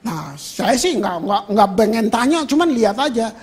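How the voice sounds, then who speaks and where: A man's voice: high-pitched, big pitch swings, normal speed, breathy edge. A male pastor preaching a sermon in a colloquial storytelling manner, speaking directly to the congregation.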